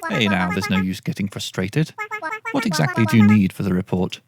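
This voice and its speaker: A man doing a gentle high-voiced mum. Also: animated, fairly quick, over a noisy crowd. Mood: encouraging. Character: kind supportive mother.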